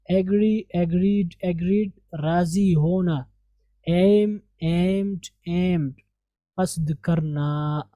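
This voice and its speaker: A woman teaching English vocabulary, repeating each word slowly for pronunciation drill. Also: on the low side, warm tone, dry recording.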